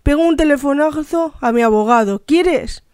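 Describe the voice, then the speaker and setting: A woman's voice: high-pitched, normal speed, a little mellow, no echo, clean studio sound, lightly acted. A woman reading the lines of a defiant, cheeky teenage boy who mocks a policeman with feigned innocence.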